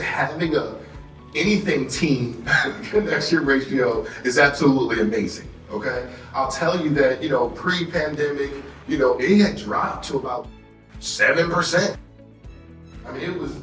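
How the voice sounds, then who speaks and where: An American man, a workshop trainer, leads a motivational sales training at normal speed in a slightly high voice with a fairly bright tone. He often checks in with his listeners, and the recording has roomy echo, a distant mic, and faint background music.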